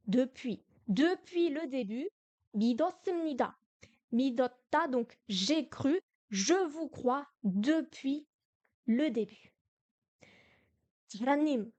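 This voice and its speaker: On a live stream, a woman teaches a beginner Korean lesson in French, explaining slowly, repeating words, and correcting herself. Her voice is high with a darkish tone, and there's no room sound.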